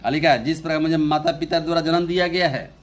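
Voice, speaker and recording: A young Indian English speaker explains an English poem in Hindi, speaking slowly, repeating his phrases and reading the English lines very slowly. His voice is a little high with fairly even intonation.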